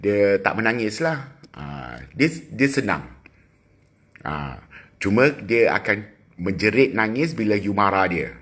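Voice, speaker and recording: A middle-aged man with a Malaysian accent, chatting casually with viewers on a phone livestream, teasing and quick with asides. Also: fairly low pitch, very animated, fairly bright tone. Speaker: livestream host. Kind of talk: casual live chat with viewers.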